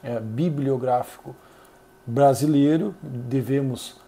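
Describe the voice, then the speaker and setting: A Brazilian man hosting a channel, giving earnest, measured solo commentary with frequent hesitations. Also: mid-range voice, gravelly, warm tone. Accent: Brazilian Portuguese. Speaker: channel host reviewing an essay.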